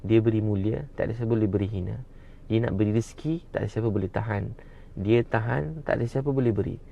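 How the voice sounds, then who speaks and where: A man's voice: lowish voice, fast, gravelly. A Malaysian man preaching a sermon in a fervent, repetitive way, often addressing the audience directly. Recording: dull lo-fi recording with faint background noise.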